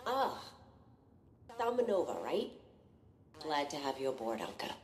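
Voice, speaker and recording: Low-voiced, commanding pirate captain. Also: female voice, big pitch swings, a little slow, a crowd in the background. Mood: composed authority. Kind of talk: video game voice acting. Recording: roomy echo, faint background noise.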